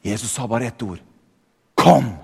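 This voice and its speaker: A male preacher delivers a sermon in a fairly high voice, repeating words as he presses his point and growing more fervent. His voice carries a long reverb from a large church hall.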